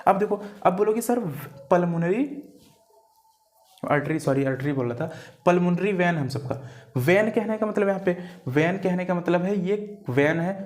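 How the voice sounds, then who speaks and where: A man delivers a classroom biology lecture in a slightly higher-than-average male voice. He drills his students with rhetorical questions and repeats each key term. He spells words out letter by letter and calls them "beta". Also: darkish tone. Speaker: teacher.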